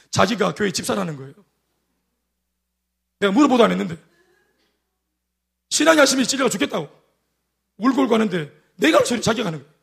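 A male pastor with a Gyeongsang accent preaching a sermon, telling animated stories and acting out the quotes. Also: high voice, creaky. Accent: Gyeongsang dialect. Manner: animated storytelling with acted-out quotes.

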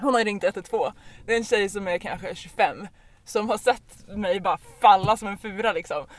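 A woman on a podcast telling a personal anecdote in a casual, lively way, with lots of fillers and restarts. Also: mid-range voice, no echo. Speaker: podcast host. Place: podcast recording.

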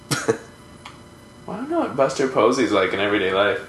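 A man co-hosting a podcast, chatting casually about baseball and family with relaxed, wry storytelling. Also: fairly low pitch, measured pace. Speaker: podcast co-host. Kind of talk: casual chat while watching a baseball game. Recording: roomy room with faint noise.

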